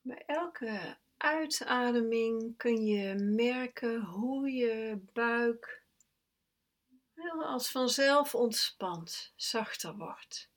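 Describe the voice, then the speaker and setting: A woman guiding a breathing meditation, with slow, soft, calm instructions that at times sink to a whisper. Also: on the high side. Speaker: meditation guide.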